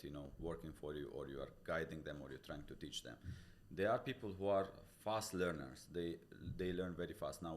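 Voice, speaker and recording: A deep-voiced Tajik real estate broker, a native Pamir dialect speaker, talks in non-native accented English as a podcast guest during a casual interview. He explains himself earnestly and methodically, with many restarts. A studio podcast mic records him amid slight background noise.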